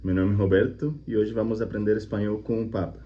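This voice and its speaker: A fast-talking Colombian language teacher and channel host, his voice on the low side with a dark tone and fairly even intonation, chats through a casual explanatory reaction video. He's friendly, repeats examples and keeps asking "né?", over slightly muffled audio with a faint hum.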